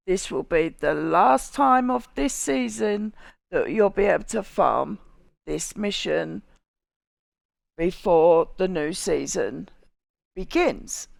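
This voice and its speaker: A woman's voice: medium pitch, creaky, no echo, clean studio sound. A woman with a Cockney accent narrating a casual video game guide. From England. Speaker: gaming video host.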